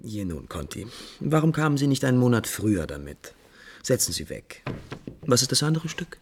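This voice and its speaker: A man's voice: medium pitch, big pitch swings, moderate pace, a little hiss or hum. An actor playing an imperious, moody, lovesick prince in classical German stage drama, theatrical and declamatory, lingering on his words. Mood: impatient, intrigued.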